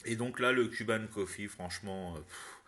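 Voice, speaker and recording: Bright-voiced hesitant man reviewing products. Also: fairly low pitch, moderate pace. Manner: hesitant, many fillers and restarts; enthusiastic recommending. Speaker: vlogger reviewing e-liquids.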